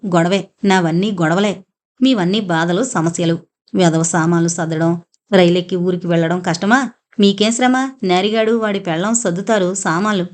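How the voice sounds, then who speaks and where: A woman's voice: mid-range voice, a little mellow, natural voice. A woman voicing a stubborn, proud schoolgirl who argues angrily and then pleads in tears, in an audio novel. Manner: indignant, pleading, read aloud.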